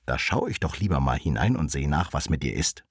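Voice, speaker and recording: A man voicing a hunter in a storybook, speaking low and matter-of-fact. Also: animated, a little fast, slightly rough, no room sound, studio quality, exaggerated voice. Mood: gruff. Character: gruff male hunter, grown man.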